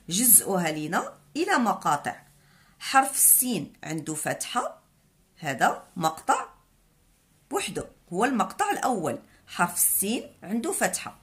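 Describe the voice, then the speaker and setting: Moroccan-accented woman teacher: patient, lively and expressive, drawn-out repetitions. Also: medium pitch. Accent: Moroccan Arabic. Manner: patient, spells out sounds slowly and repeats words. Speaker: Arabic teacher. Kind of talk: explaining a lesson.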